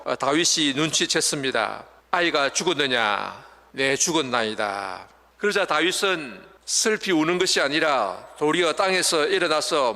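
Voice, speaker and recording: A man's voice: on the high side, vocal fry, bright, forceful tone. Older male preacher in a reverberant church. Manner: earnest preaching, acting out wailing mourners. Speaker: pastor. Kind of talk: sermon. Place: church sanctuary. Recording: long church hall reverb.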